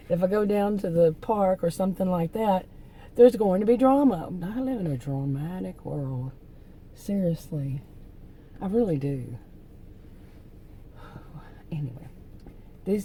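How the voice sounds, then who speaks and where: A woman talks to camera in a loose, rambling vlog monologue, often losing her thread and trailing off. Her soothing voice sits a little low and sounds very mellow and dark. Faint ambience hums in the background. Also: slight background noise, low-quality recording. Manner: rambling, easily distracted, trailing off. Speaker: YouTuber.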